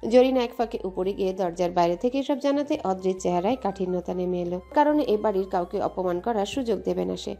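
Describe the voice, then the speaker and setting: A woman narrating an audio love story with steady, expressive storytelling. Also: mid-range voice, brisk, hardly any pauses, soft background music. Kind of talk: scripted dramatic narration.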